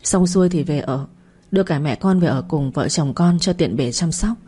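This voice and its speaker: A woman's voice: sits low, moderate pace, mellow, slightly rough. A woman voicing a practical, bossy mother-in-law in a spoken story. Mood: directive.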